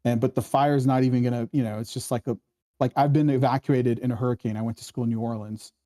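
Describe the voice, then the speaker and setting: A man leads a casual screenplay workshop discussion, speaking fast with a medium-pitched, steady, warm voice. He explains things conversationally, acts out quoted dialogue, and keeps checking in with listeners by asking "right?"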